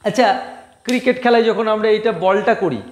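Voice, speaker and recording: Man teaching pronunciation, high voice, emphatic drilling, echoey room. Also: fairly even intonation. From Bengal. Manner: emphatic, repeats words slowly to drill them. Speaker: English teacher. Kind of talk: pronunciation lesson.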